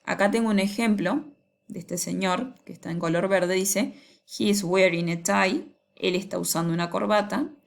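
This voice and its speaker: A woman, teaching English grammar in a patient, explanatory way and slowing down to read out examples. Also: medium pitch, vocal fry.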